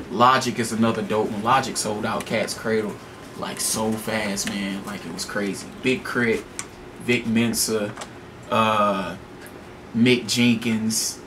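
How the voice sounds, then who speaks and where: Speaking far from the microphone in a noisy radio studio, this American hip-hop artist is a guest on a laid-back radio interview. His voice sits fairly low with a fairly bright tone, and his talk is loose, slangy, and wandering.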